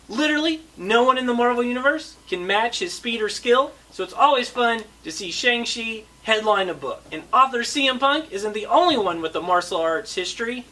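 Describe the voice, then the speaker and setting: Woman host, high voice, very lively pitch, bright tone, upbeat scripted presenting. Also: low-quality recording. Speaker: show host. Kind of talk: scripted news and product roundup.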